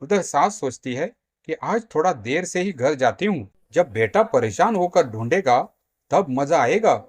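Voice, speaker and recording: A man narrating a family drama story in a dramatic, expressive way. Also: a little high, unhurried, no echo.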